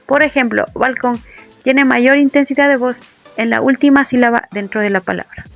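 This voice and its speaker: A young woman with a high voice reads definitions aloud for a class presentation, in an explanatory tone. Faint music plays underneath. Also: steady tone, moderate pace, gravelly. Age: young adult. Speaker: student presenter.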